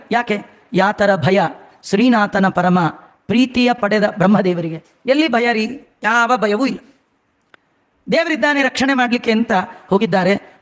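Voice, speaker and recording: A man giving a devotional sermon as a storyteller, animated and asking his listeners rhetorical questions. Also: high-pitched. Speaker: religious discourse speaker.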